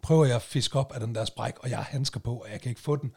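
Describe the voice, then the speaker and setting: A man co-hosting a podcast, telling a story in a casual, animated way, swearing and loudly acting out what people said. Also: mid-range voice, vocal fry, breathy edge. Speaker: podcast co-host.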